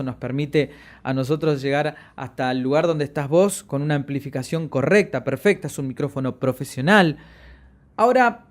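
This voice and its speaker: During a voice projection lecture, the male instructor shifts pitch and loudness intentionally and elongates key words. His manner is expressive throughout, fitting his role in voice and media training.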